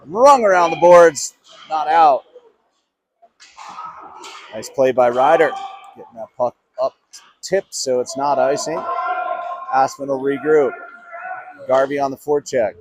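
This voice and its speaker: A man calling live play-by-play for a youth hockey game, chatty and easygoing, getting louder on big plays. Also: medium pitch, slight background noise. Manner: chatty, laughs often, rises in excitement on big plays.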